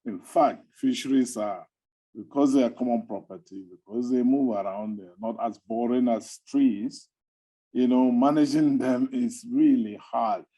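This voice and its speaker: A middle-aged man, an academic researcher, speaking on a webinar panel in an animated, conversational way with playful asides. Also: medium pitch, unhurried, poor audio. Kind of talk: webinar talk.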